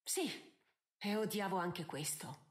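A woman's voice: lowish voice, slow. A woman voicing a scornful, cruel stepmother countess who taunts coldly and without mercy, in an audiobook reading. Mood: mocking. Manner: cold, mocking and relentless.

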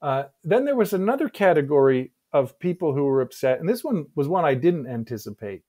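A middle-aged man answering interview questions on a video call, speaking in a measured, thoughtful way with frequent restarts, on a headset mic in a home office. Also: a little high, very animated, warm tone. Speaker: guest historian.

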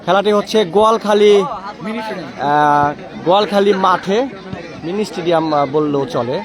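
A high-voiced man commentates on a football match outdoors, with a crowd audible around him. He talks casually to his live viewers and often repeats phrases as he follows the play. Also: moderate pace. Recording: outdoor live stream with loud crowd noise. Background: crowd and outdoor noise.

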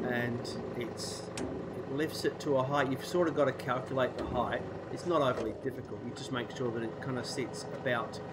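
An Australian man with a nasal voice from a cold, casually explaining a homemade trailer tool outdoors. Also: mid-range voice. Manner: relaxed, plain-spoken explaining. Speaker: DIY maker. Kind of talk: casual how-to narration. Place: outdoors on a dirt road. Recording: loud outdoor noise behind the voice.

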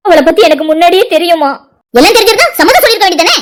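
A woman's voice: very high voice, animated, very fast, background noise. A woman voicing an angry pregnant young wife in a cartoon drama, accusing and sarcastic. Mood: furious.

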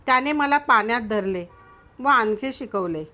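A woman narrating a storybook reading in a gentle, measured way. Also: a little high, lively intonation.

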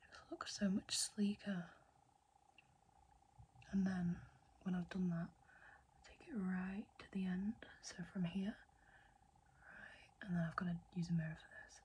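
A woman's voice: mid-range voice, fairly even intonation, measured pace, a little mellow, a little hiss or hum. A young woman whispering a chatty ASMR makeup tutorial, rambling and often correcting herself. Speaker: ASMR creator.

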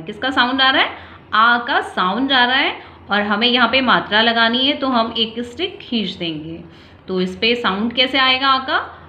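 A woman teaching young children a Hindi alphabet lesson, slow and patient, asking simple questions and stretching out the sounds. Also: a little high, pushed and bright. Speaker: kindergarten teacher. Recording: echoey room, slightly dull sound.

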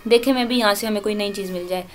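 A woman giving a recorded lecture, explaining English grammar in Urdu. She reads the English examples out slowly and often corrects herself mid-sentence. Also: mid-range voice.

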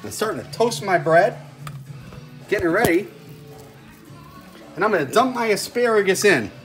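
A man's voice: sits high, expressive, normal speed, fairly bright tone, faint music behind. Man demonstrating home cooking. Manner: folksy, step-by-step explaining while stirring. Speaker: home cooking show host. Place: home kitchen indoors.

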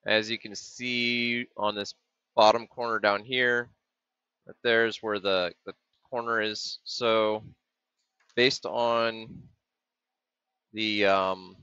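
Taking it slowly with long pauses, a middle-aged man explains his maker project in a casual screen-share, working through a chip datasheet and circuit board with frequent ums and restarts as he thinks aloud. His delivery is flat and low, sharp and clean, with no echo on the dull, dry, lo-fi webcam audio.

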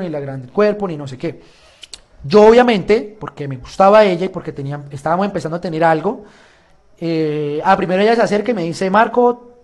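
A man's voice: high-pitched, a little mellow. A young man telling his side of a story in casual talk, acting out quoted dialogue. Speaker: reality show contestant. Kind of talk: casual explanation to camera.

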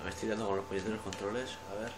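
A man's voice: lowish voice, fairly even intonation, rapid-fire, noisy background. A man from Spain with a Spanish accent casually commentating his game, grumbling and swearing often. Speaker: gamer commentating his own playthrough. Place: indoor room in front of a TV. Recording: roomy, loud game music from a television. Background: loud game music and sound.

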